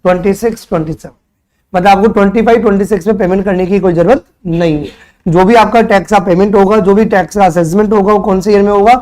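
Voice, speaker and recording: Brief: young Indian male tutor, high-pitched voice, conversational lecturing, keeps quizzing the class. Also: fairly even intonation, fast talker, a little mellow. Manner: conversational, quizzes students with rhetorical questions; mixes Hindi with English terms.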